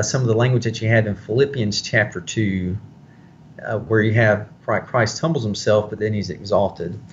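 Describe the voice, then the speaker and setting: Lower-pitched man explaining scripture. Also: highs cut off, a little hiss or hum. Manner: explanatory, thoughtful, with frequent fillers. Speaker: Bible teacher. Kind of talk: conversational Bible study discussion.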